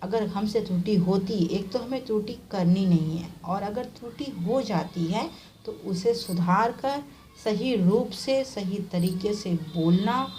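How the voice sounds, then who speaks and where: A woman teaching children at a very slow, deliberate pace. She says each word, then repeats it the correct way, and often ends a point with a quick "okay." A faint noise runs under the voice, and her pitch sits in an ordinary middle range. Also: a little mellow, rough recording. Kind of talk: slow classroom explanation of spelling.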